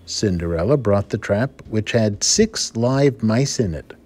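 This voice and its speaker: Brief: male teacher reading a storybook aloud, husky and mellow. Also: fairly low pitch, unhurried, soft background music. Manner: expressive, dramatic storytelling. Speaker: first-grade teacher.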